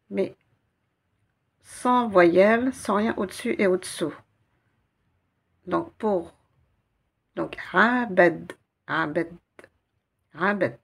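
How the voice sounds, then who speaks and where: A woman patiently teaching Arabic reading, spelling out letters and repeating syllables slowly. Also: lowish voice, vocal fry, breathy edge. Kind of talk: guided reading lesson.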